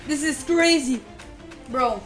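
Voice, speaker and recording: A female gamer giving excited live gameplay commentary, repeating exclamations and casual slang like bro. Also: sits high, slow pace, soft background music. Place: voice-over on screen-recorded gameplay, game music behind.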